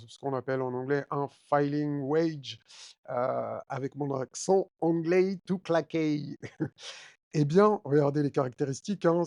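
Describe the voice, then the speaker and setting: A crypto trading YouTuber with a fairly high, slightly mellow voice casually walks viewers through a trading chart, recorded dry in a clean studio. He fills his talk with fillers and keeps checking in with his audience, addressing them directly with frequent "d'accord" and "hein."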